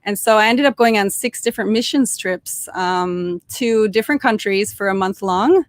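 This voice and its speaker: As a cheerful podcast guest, a young woman born in Norway and raised in suburban Detroit, Michigan, tells casual interview stories, frequently using fillers and restarting sentences. She talks at a normal speed in a mid-range voice, and the recording is dry.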